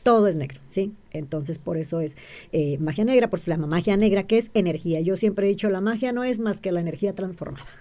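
A woman speaks in a dark, mellow voice at a middling pitch. She talks as an interview guest, explaining step by step. She keeps checking in with short questions and answers her own rhetorical ones. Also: fast talker. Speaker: interview guest, self-described witch.

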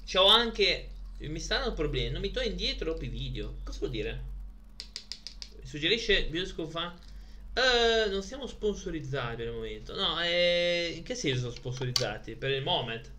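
A man with a bright, forceful voice, chatting casually as a film reviewer. He rambles and hesitates, tossing in blunt slang while nursing a headache. Light room noise sits behind him. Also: a little high, sing-song, a little slow. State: suffering from a headache. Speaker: host of a film review video. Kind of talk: casual rambling chat to camera.

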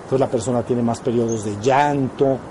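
With a steady, mid-range voice and moderate pace, a man with a Mexican accent gives an informal spiritual lesson. As the spiritual teacher, he explains and regularly checks understanding with short questions. The background is noisy.

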